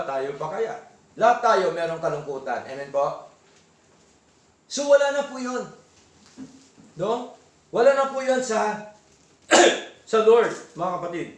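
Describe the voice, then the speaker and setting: A man with a Filipino accent preaching a sermon in a church, asking the congregation for assent and reading verses slowly. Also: on the high side, roomy sound, recorded from a distance. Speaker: pastor. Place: church hall.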